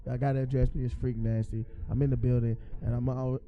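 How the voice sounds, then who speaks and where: A man's voice: mid-range voice, flat delivery, quick pace, phone-quality sound. A young man hosting a casual podcast chat, loose and blunt, with hype greetings. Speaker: podcast host.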